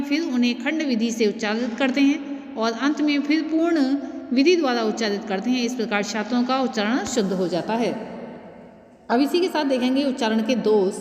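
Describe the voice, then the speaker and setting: Woman teaching in an echoey room. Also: sits high. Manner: steady explanatory delivery, slowing to recite Sanskrit verses. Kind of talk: lecture explaining Sanskrit pronunciation methods. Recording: echoey room with long reverb.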